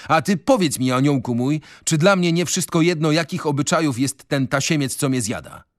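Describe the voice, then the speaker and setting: A man's voice: mid-range voice, animated, normal speed, dry recording, studio quality, close to an everyday voice. A man reading a novel on radio, voicing a bitter, mocking male prisoner who feels he is dying. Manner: sarcastic, impassioned. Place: radio studio.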